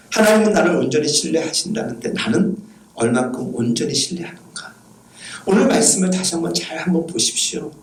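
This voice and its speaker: A man pastor delivering a Sunday sermon in a soft, earnest way, posing questions to his listeners. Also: fairly high pitch, reverberant.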